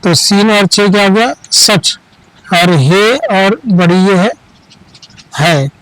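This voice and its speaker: A patient man teaching a reading lesson, spelling each word letter by letter before saying it whole. His voice sits high for a man and he speaks slowly, drilling short phrases one at a time. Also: expressive, fairly bright tone, low-quality recording.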